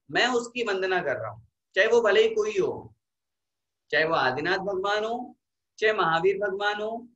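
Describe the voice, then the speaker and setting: Male religious teacher, fairly high bright voice, leads verse recitation. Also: echoey room, highs cut off. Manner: slow, explanatory, leads chanting of verses. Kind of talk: scripture lesson.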